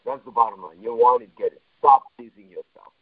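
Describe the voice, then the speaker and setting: A man's voice: medium pitch, fairly quick, breathy edge. A man coaching on a conference call, blunt and emphatic, his voice muffled as if heard through a wall on a phone line. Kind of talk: motivational teaching monologue.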